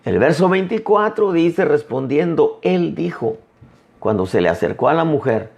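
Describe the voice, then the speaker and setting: A man preaching a sermon as an apostle, emphatic with dramatic pauses. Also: a little high, sing-song, vocal fry, darkish tone.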